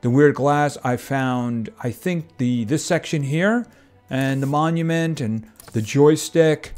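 A man's voice: medium pitch, slow, a little mellow. A man streaming a farming game, chatting casually and making wry asides. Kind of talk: casual gameplay commentary. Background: game music.

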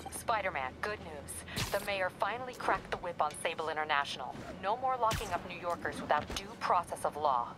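An actress playing a tough, brisk female police captain in a game cutscene. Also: lowish voice, animated, over music, natural voice, rough recording. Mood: businesslike.

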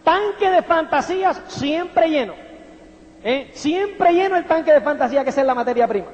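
A man giving a motivational talk to an audience, animated and theatrical, often checking in with "do you understand me?". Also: extremely high pitch, moderate pace. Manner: animated, theatrical, asks "¿me entiendes?" constantly. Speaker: motivational speaker. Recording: dull sound with long hall reverb.

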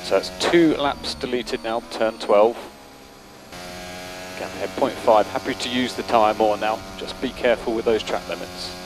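A man's voice: lowish voice, moderate pace. A male race engineer giving terse, matter-of-fact updates over race car radio. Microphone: radio headset. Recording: noisy team radio, car noise.

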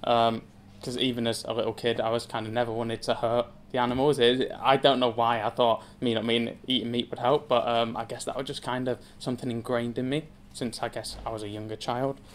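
In a wood-panelled room, a zoo community engagement assistant (an Englishman in his twenties) gives a personal story talk from a lectern to a seated audience. His voice is mid-pitched and level, brisk with few pauses, yet casual and hesitant, sprinkled with ums and light self-deprecation. Slight background noise can be heard.

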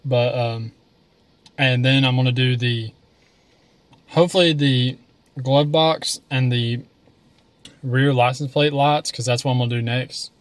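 A young man hosting a casual car vlog, talking in a relaxed, rambling way with many fillers while working inside a parked car. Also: mid-range voice, moderate pace, long pauses, no echo. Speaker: car vlogger.

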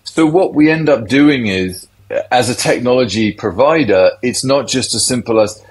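A man's voice: mid-range voice, expressive, normal speed, rough recording. A middle-aged man, a tech industry guest, explaining things in a loose, conversational interview.

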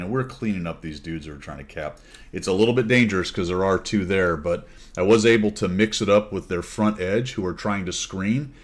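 A man casually commenting over his own gameplay footage, chatty and wry, breaking into exclamations and laughs at good plays. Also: sits low. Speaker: gaming channel host.

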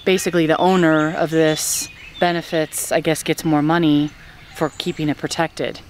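A middle-aged American woman co-hosting a travel vlog, chatting relaxed and brief outdoors. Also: low-pitched, moderate pace, slight background noise. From United States.

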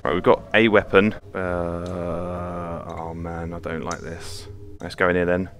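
A VR gameplay channel host's low voice stays flat and unhurried as he comments live on a horror game, sitting on the floor of a home room. Still, he's jumpy, swears often and laughs nervously, and there's a little hiss or hum.

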